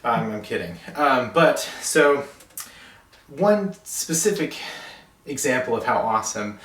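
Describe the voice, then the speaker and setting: A young man giving a wedding toast as best man, speaking informally and haltingly with self-deprecating asides. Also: fairly low pitch, a bit bright. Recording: roomy echo, distant microphone.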